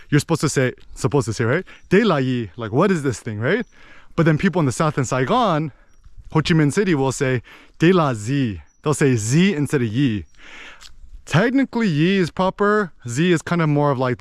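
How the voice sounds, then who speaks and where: A man's voice: mid-range voice, no room sound. Resonant chatty man in a dry room. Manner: rambling, full of "like" and "you know"; animated, slips into impressions of accents. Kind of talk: casual explanatory chat.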